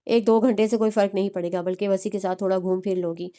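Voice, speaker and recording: A woman's voice: mid-range voice, fairly even intonation, fast talker, warm tone, clean tone, lightly acted. A woman voicing a strict, insistent middle-aged father who gives orders to his daughter. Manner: stern, scolding.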